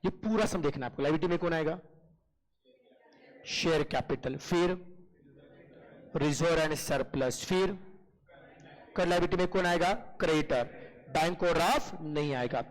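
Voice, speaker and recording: A man with a high voice teaches accountancy in an online class. He keeps asking his students short questions and answers them himself. He calls them "beta" in a familiar way. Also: normal speed, long pauses, low-quality recording.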